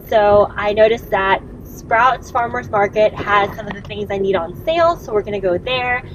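A woman's voice: mid-range voice, echoey room, recorded from a distance, a little hiss or hum. A young woman vlogging casually in an upbeat, chatty way with frequent "um"s. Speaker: fitness vlogger. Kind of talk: casual vlog talk. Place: small indoor room for the haul, car for the drive.

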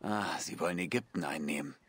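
A man voicing a calm grown protector hero in a German game dub. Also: a bass voice, a little fast, husky, no room sound, exaggerated voice.

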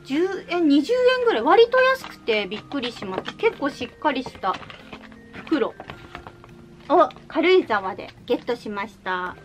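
A bubbly woman talks through her recent purchases in an easy, chatty way. Her voice sits high and swoops up and down, lively and expressive. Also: unhurried, faint music behind. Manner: bubbly and chatty, cheerful "jaan" reveals. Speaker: vlogger showing recent purchases. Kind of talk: casual haul video chat.

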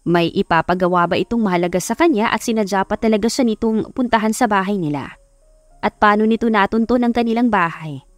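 Background music accompanies a Filipino-accented woman reading a scripted romance story as an audiobook. Her voice sits at medium pitch, with no room sound in the recording.

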